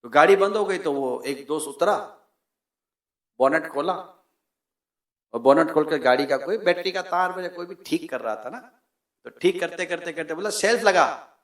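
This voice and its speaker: A man delivers a sermon with an animated, emphatic manner, often swelling to loud peaks. His voice sits fairly high for a man. The sound carries a noticeable room echo. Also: moderate pace, pauses often. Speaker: preacher.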